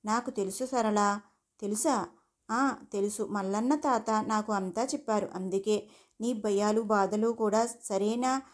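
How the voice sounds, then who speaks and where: Brief: young protective husband, emphatic and warm-hearted, voiced by a female narrator, higher register. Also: natural voice.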